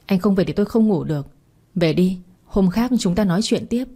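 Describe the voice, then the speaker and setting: A woman's voice: mid-range voice, expressive, fairly quick, dark tone. A woman voicing a cold, jealous young woman who talks in curt, sneering lines.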